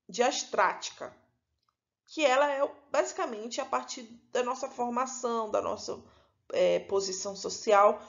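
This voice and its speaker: A woman teacher with a Paraense Brazilian accent explains a lesson in a slightly high voice. She checks in with "né" and corrects herself as she goes. The recording sounds dull and lo-fi. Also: vocal fry. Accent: Paraense Brazilian Portuguese. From Pará, Brazil. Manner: explanatory, with frequent "né" and self-corrections.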